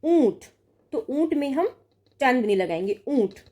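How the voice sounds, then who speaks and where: Her voice is high, warm, and animated yet unhurried: a young Hindi exam tutor teaching online. She works through word pairs, correcting each one with frequent check-ins.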